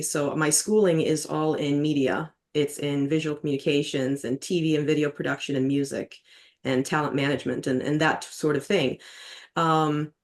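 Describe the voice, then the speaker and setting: Low-voiced Swedish-born woman guest. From Sweden. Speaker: podcast guest. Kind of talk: casual interview chat.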